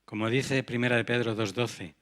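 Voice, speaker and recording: A man's voice: mid-range voice, steady tone, normal speed, fairly bright tone. Earnest male preacher. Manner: earnest, rhetorical questions to the congregation. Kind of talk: sermon.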